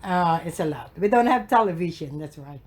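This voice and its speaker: A man in his sixties from the Philippines, with a Filipino accent, answering interview questions hesitantly with many filler pauses. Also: a little high, expressive. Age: 60s. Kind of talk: oral history interview.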